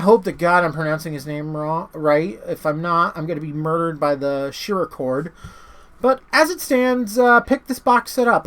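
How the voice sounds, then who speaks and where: This horror movie review channel host has a high-pitched, somewhat bright voice. His review is loose and unscripted; he rambles, stammers often, and keeps cutting himself off mid-thought.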